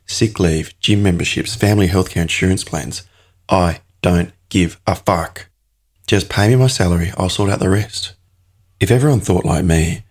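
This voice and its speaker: Man, audiobook narration, low voice, husky, sardonic, crude. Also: a little mellow. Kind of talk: scripted first-person narration.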